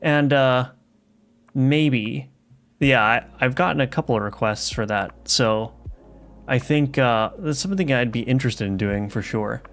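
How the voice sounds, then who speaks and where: Soft lofi music accompanies a man streaming as a game developer; he reads chat and codes while thinking aloud casually, restarting often and using many fillers. His voice is mid-range and unhurried.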